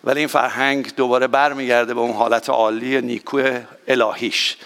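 A man, a pastor, giving a sermon to his congregation in a lively, familiar way. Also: medium pitch, creaky, clean tone, long reverb tail. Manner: warm, excitable, addressing the congregation directly. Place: church hall.

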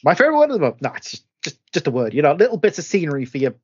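A man's voice: a little high, wildly swooping pitch, rapid-fire, a little mellow, husky, no echo. A man hosting a casual podcast chat about tabletop miniatures, rambling and restarting his sentences. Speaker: podcast host. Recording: dull lo-fi sound.

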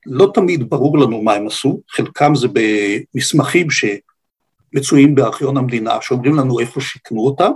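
An older man speaks with an Israeli accent in a husky, mid-pitched voice. He recounts history off the cuff in conversation, pausing often and choosing his phrasing with deliberate care. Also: expressive. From Israel, grew up on a kibbutz. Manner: hesitant, deliberate, halting phrasing. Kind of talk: unscripted historical account in conversation.

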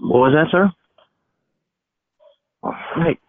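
A man in his sixties from Brooklyn, calling in about a shipping problem over a buzzy, glitchy phone line. He talks in an insistent, halting way and repeats himself. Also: dry recording. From Brooklyn, New York. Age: 60s. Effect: buzzy, glitchy phone call audio. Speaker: caller with a shipping complaint. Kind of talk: phone call. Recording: tinny dry phone line.

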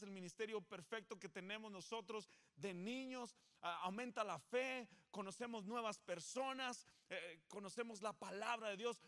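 High, bright-voiced pastor preaching. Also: male voice. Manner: animated, joking, coaxing the crowd. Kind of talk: lively sermon with congregation call-and-response. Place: church service before a congregation.

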